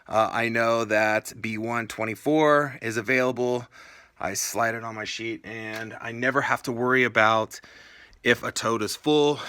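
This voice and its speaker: A man's voice: medium pitch, pushed and bright. A man giving a casual, plain-spoken explanatory tour of his reselling workspace inside a warehouse. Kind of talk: casual walkthrough vlog. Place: indoors in a warehouse.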